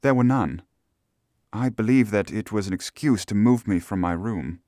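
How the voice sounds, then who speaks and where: A man voicing an earnest, anxious young gentlewoman in a detective story audiobook. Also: on the low side, normal speed, no echo, clean studio sound, close to an everyday voice.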